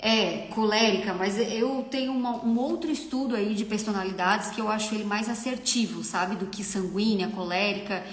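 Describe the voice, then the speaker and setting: A woman's voice: mid-range voice, normal speed, few pauses. Chatty Brazilian woman, echoey room. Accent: Brazilian Portuguese. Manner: chatty, frank, often asks "entendeu?". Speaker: makeup artist hosting a live Q&A. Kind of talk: casual live-stream advice.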